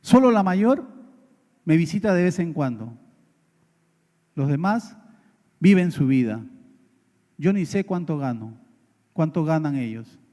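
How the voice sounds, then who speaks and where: A man's voice: fairly high pitch, animated, a little slow, pauses often. A man quoting a weary old woman vendor. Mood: resigned. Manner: soft, resigned, plaintive. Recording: long church reverb.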